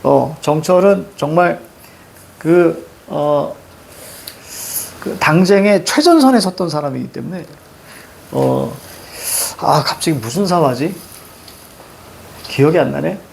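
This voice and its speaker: A woman teacher giving a chatty classroom lecture, joking with students and reading old verse aloud slowly. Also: sits low, gravelly, darkish tone, a little hiss or hum. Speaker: Korean literature teacher.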